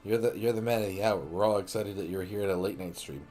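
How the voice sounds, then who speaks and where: A man's voice: lowish voice, fast, darkish tone, faint music behind. A man hosting a late-night game stream, chatting loosely and joking with viewers, swearing freely. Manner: loose, profane and joking, talks to viewers as buddy. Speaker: livestream host. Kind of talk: casual late-night gaming stream chat.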